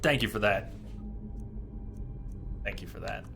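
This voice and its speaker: Video game music runs beneath a man's fairly low, gravelly voice as he streams his gameplay a little slowly. His commentary is casual, more like thinking out loud about what he's doing.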